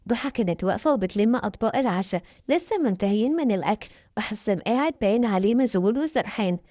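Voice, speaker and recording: A woman's voice: medium pitch, expressive, racing, dark tone, no echo, clean studio sound. A woman with an Egyptian Arabic accent narrating a family story. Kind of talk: scripted narration.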